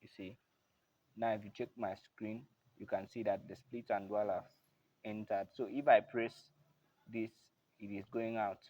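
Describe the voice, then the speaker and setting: A man's voice: on the low side, fairly even intonation, a little slow, muffled recording. A man giving a patient, casual step-by-step keyboard tutorial at his instrument. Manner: plain, patient, repeats "I believe you can hear".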